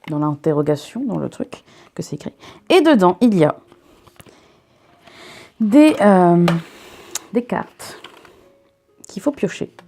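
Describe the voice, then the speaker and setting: A woman's voice: low voice, vocal fry, dark tone, a little hiss or hum. A young woman from northern France near the Belgian border, chatting casually and jokily while unboxing, often breaking off her own sentences. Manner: chatty, self-interrupting, jokey asides. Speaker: vlogger reviewing a subscription box.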